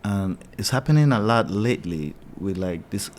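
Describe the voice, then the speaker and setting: A man's voice: fairly low pitch, lively intonation, moderate pace, darkish tone, a little hiss or hum. Encouraging male interview host. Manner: encouraging, affirming, enthusiastic. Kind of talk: interview conversation.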